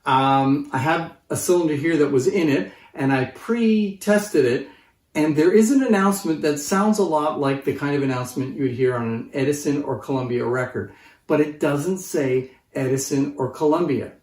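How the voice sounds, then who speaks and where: Sitting on a living-room sofa, a fifty-something antique phonograph collector presents to camera in a relaxed, conversational way. His voice is fairly high-pitched and a little mellow at a normal speed, and the distant mic gives the audio a roomy feel.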